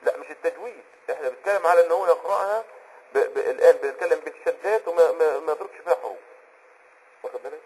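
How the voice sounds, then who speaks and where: A man with an Egyptian accent teaching Islamic jurisprudence in a conversational explanatory lesson, often pausing on a filler word while he hunts for a term and checking that the listener is following. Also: fairly high pitch, a little mellow, breathy edge, poor audio. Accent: Egyptian Arabic. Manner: checks on the listener with quick asides.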